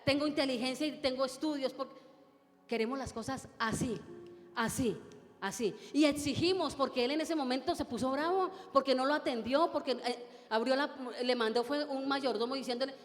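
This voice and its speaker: A woman's voice: high voice, in a large hall. A woman preacher, delivering an emphatic sermon full of repetition and rhetorical questions. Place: church.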